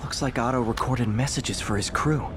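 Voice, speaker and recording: A man's voice: medium pitch, normal speed, background noise, close to an everyday voice. A man voicing an earnest, wisecracking young superhero who thinks aloud as he investigates in a video game. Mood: troubled.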